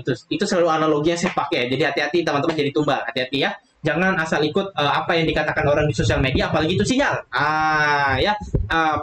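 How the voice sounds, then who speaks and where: A man's voice: fairly high pitch, fairly bright tone. A man giving a chatty, casual trading lesson, repeating filler phrases and acting out quotes. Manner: chatty, repeats "gitu loh", acts out quotes. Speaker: trading educator. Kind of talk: casual lecture to viewers. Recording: echoey room with faint noise.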